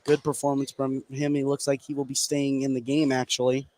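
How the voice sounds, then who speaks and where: This American radio announcer does live basketball play-by-play, following the action closely. He has a mid-range, warm voice, a completely flat delivery, and a brisk pace. Game ambience from the gym is clearly audible behind him.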